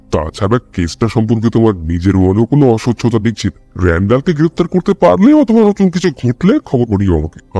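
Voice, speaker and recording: A man voicing a brilliant, restless male detective who reasons in a measured way and sometimes turns urgent. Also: on the low side, mellow, no room sound, natural voice.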